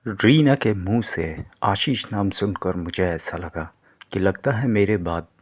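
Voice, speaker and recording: A man narrating a horror story in the first person, telling it in a slow, even, hushed way. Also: low-pitched, slightly rough.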